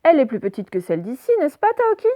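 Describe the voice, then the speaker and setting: A woman's voice: sits high, huge pitch swings, quick pace, dark tone, no room sound, clean studio sound, pitched above the performer's own voice. A woman voicing a chatty young boy on a trip as she reads a children's storybook aloud. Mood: eager. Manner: eager, read aloud from a storybook.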